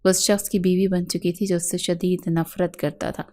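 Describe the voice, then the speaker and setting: A woman reading a romance novel aloud in steady, dramatic scripted narration. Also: on the low side.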